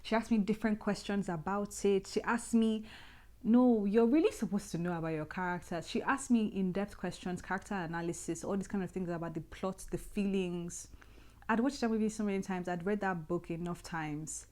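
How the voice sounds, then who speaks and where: A woman hosting her own podcast, telling personal stories in a lively, nostalgic way with many restarts. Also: mid-range voice, brisk. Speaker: podcast host. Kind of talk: personal storytelling monologue.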